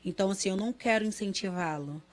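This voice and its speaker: Woman in her 30s, mother, interview testimony, halting delivery with repeated words, acts out quoted lines. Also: medium pitch.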